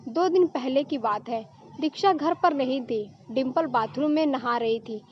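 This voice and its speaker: High-voiced woman telling a story. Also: moderate pace, lo-fi sound. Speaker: story narrator. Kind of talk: storytelling narration.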